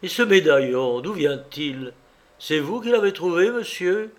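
A man's voice: fairly high pitch, animated, unhurried, voice pushed up. A man voicing an agitated young army captain in an audiobook, pressing his questions with urgency. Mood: urgent. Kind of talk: audiobook character voice.

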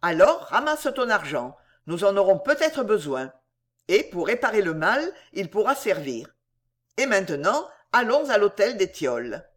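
A reader voicing a proud man poet who declaims with booming indignation. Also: sing-song, measured pace. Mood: stern, commanding.

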